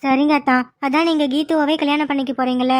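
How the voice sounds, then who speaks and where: Woman as cartoon heroine: high, earnest, coaxing, pleading. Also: fairly even intonation, quick pace, no echo, studio quality, natural voice. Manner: coaxing, repeats "attha". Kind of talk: cartoon voice acting.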